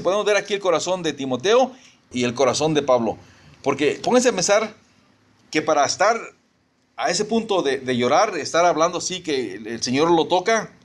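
A man's voice: a little high, a bit bright. A middle-aged man, a pastor preaching a conversational sermon and often restarting his sentences.

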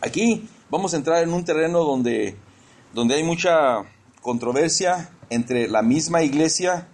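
Husky-voiced man preaching a sermon. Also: a little high, lively intonation, a little slow, a little mellow. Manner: conversational, repeats words while searching for them. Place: church.

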